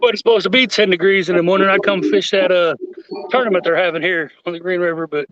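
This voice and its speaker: Older male fishing host, relaxed and chuckling, slightly high voice, muffled stream audio. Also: quick pace. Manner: laid-back, laughs often. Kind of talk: casual livestream chat. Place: outdoors by a river, on a boat.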